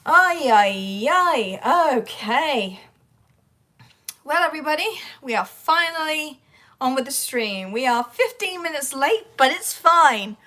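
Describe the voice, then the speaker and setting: Hosting her own livestream Q&A, a voice actor with a high, expressive voice sounds bright and forceful yet hoarse and croaky from a sore throat. The chat is casual; she rambles slowly, muttering to herself as much as to viewers while she battles her tech.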